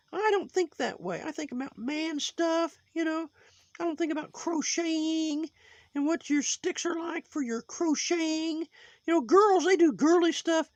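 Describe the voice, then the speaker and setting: Squeaky gravelly sock puppet, preachy and judgy, rambling lectures. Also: male voice, unhurried, no room sound. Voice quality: high put-on voice.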